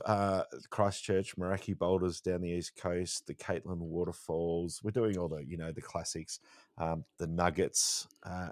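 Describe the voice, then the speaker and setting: A man's voice: deep voice, darkish tone, dry recording, clean studio sound. A man with an Australian accent, co-hosting a podcast and telling a travel story in a chatty, jokey way. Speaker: podcast co-host. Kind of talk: casual chat.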